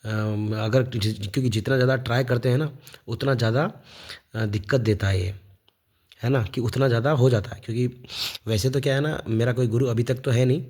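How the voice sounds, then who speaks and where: Rambling man with a mellow voice. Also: mid-range voice, fairly even intonation. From India. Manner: rambling, halting, many fillers and restarts. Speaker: vlogger. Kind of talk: casual spoken monologue.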